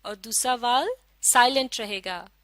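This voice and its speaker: A woman teaching a phonics lesson, sounding out letters slowly and asking questions for children to answer. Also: fairly high pitch, fairly bright tone, no room sound. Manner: slow, drawn-out sounding of letters with call-and-response questions.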